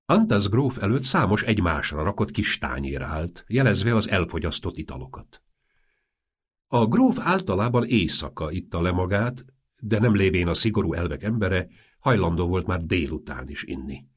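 Deep husky male storyteller. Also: big pitch swings. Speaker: narrator. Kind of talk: audiobook reading of a humorous novel.

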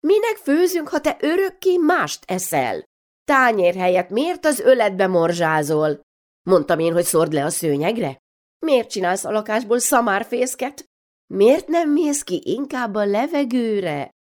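A woman reading aloud, voicing an exasperated mother who scolds her daughters with rapid-fire nagging questions. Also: mid-range voice, very animated, voice pushed up, close to an everyday voice.

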